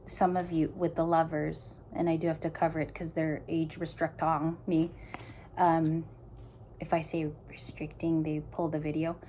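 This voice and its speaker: A woman's voice: low-pitched, flat delivery, normal speed, mellow, a little hiss or hum. A woman giving a casual tarot reading to her viewers, thinking aloud in stop-start phrases and talking earnestly straight to the listener. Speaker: tarot reader.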